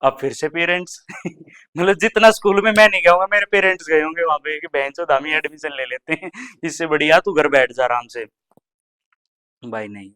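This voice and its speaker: A young man doing stand-up comedy, telling school stories in an animated way and acting out teachers and classmates. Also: a little high, clean tone. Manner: animated, acts out teachers and classmates in quick voices. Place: comedy club stage.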